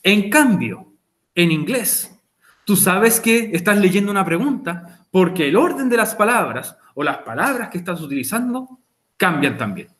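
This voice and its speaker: High-voiced Chilean teacher explaining patiently. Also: male voice, big pitch swings, a little slow, fairly bright tone. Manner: patient, repeats key points, chats with students. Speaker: English teacher. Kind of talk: online class explanation. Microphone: video call.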